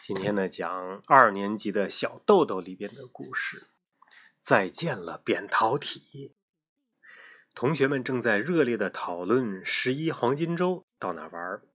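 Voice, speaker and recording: A father reading a children's story aloud with an expressive, animated delivery. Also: lowish voice, moderate pace, few pauses.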